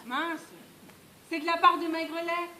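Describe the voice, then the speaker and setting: A woman's voice: extremely high pitch, flat delivery, a little slow, sharp tone, heavily acted. A woman acting a naive, dim but earnest servant messenger in a stage comedy, guileless and insistent. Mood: naive, hesitant. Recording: stage recording with faint noise.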